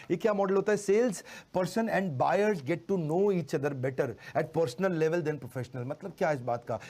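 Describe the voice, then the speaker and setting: Animated high-voiced man teaching sales. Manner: animated, repeats key phrases slowly for emphasis, mixes Hindi and English. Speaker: sales trainer. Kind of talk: motivational sales lecture.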